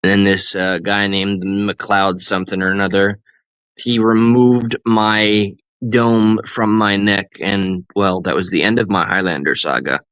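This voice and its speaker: Bright-voiced man riffing playfully. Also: on the low side, little pitch movement, measured pace, clean tone, dry recording. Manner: goofy mock-serious riffing, playful put-on outrage. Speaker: co-host on a live stream. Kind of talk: joking improvised banter.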